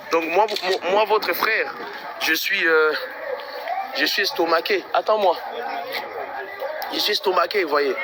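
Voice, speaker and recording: Background noise accompanies a man whose voice sits fairly high. A winded livestream vlogger, he makes his way along neighborhood streets outdoors, telling his viewers the same things over and over in exasperation.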